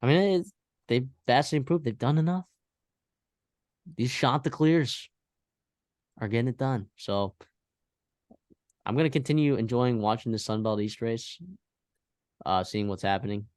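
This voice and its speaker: A man's voice: medium pitch, a little slow, pauses often, darkish tone, no room sound, clean studio sound. A man co-hosting a college football podcast, talking casually and rambling through scores with fillers and restarts. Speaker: podcast co-host. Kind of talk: casual sports chat.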